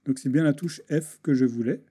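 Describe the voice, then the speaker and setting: A man giving a casual software tutorial over a screen recording, hesitant and full of restarts as he clicks through settings. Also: medium pitch, normal speed, breathy edge. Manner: hesitant, many restarts and fillers, talks while clicking. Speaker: video editing tutor.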